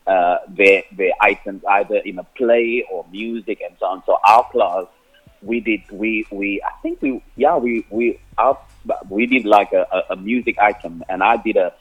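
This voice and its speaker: A man from South Africa's Cape Flats, an Afrikaans speaker, gives casual interview answers as a musician guest, telling his story in a rambling way full of restarts and frequent laughter. His voice is lowish and husky, at a normal speed, and it comes through with phone-quality sound.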